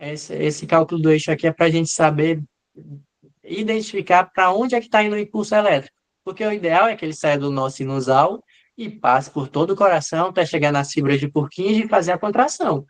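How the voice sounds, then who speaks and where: A man's voice: on the high side, a little fast. A man teaching a live online class in an informal way, answering students by name and acting out what the leads are saying. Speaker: medical lecturer.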